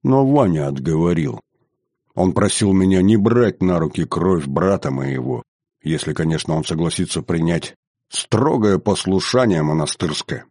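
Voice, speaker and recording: A man reading a historical novel aloud in measured, even narration. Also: low-pitched, vocal fry, no echo, studio quality. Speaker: audiobook narrator. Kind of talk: scripted narration.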